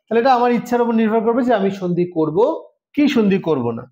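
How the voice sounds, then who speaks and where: A man's voice: sits high, animated, fast, warm tone, muffled recording. A man teaching a Sanskrit exam-preparation lesson, explaining step by step and often checking that students follow. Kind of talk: online lesson. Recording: roomy echo.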